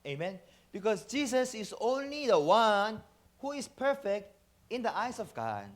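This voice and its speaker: A man preaching an animated sermon as pastor at a church service. He switches between two languages, acts out little dialogues and keeps checking in with the congregation. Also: high-pitched, measured pace. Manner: asks the congregation "Amen?".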